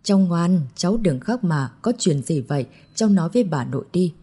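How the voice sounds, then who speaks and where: A woman's voice: fairly low pitch, lively intonation, a little fast, warm tone, slightly rough. A woman reading an audiobook, voicing an older, protective grandmother who coaxes and scolds. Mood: coaxing. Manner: coaxing, then scolding fiercely. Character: indignant protective old grandmother.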